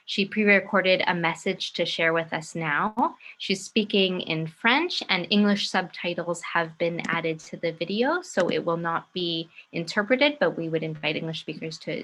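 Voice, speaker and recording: A woman with a slightly low, bright, clear voice introduces a speaker as a webinar moderator. Her delivery is measured and formal, like a prepared script. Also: poor audio.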